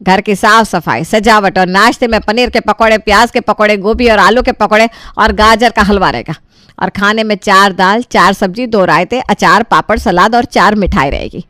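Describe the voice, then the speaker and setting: A woman's voice: mid-range voice, normal speed, pushed and bright, dry recording, studio quality, natural voice. A woman voicing a bossy older mother-in-law who scolds and barks orders at her household. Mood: bossy scolding.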